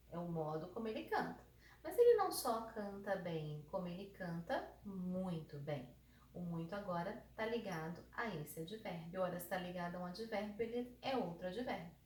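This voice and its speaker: A woman with a São Paulo countryside Brazilian accent teaching an online grammar lesson, lively and emphatic, often checking with her students. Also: fairly low pitch, a little hiss or hum. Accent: São Paulo countryside Brazilian Portuguese. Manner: lively, emphatic, asks the class checking questions. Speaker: Portuguese teacher.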